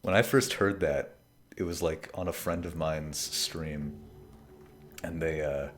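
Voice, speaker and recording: With a rumbling low voice and a steady tone, a man takes it slowly as he streams a video game. He chats jokily and rambles, trailing off into fillers, over slight background noise.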